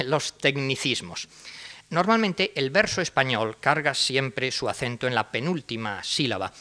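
A man's voice: medium pitch, pushed and bright. A man giving an academic lecture, explaining step by step and speaking directly to his audience.

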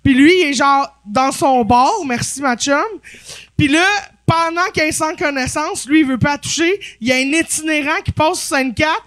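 A woman with a Québécois accent, a podcast guest telling a story in lively casual chat, swearing freely. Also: high voice, moderate pace.

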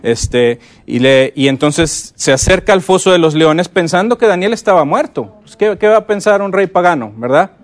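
A middle-aged man lectures at a conference with a fairly high voice. He keeps asking his listeners whether they follow him and slows down to stress key words. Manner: lively, asks the audience frequent check-in questions. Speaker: conference speaker teaching. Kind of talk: conference lecture on teaching Bible stories.

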